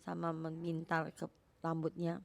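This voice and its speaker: A woman preaching a sermon in a halting way, repeating words for emphasis. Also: low voice, completely flat delivery, vocal fry.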